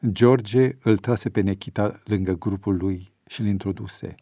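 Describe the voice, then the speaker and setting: A man's voice: lowish voice, steady tone, warm tone, no echo. Man narrating a story, dry. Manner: measured reading. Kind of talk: scripted narration.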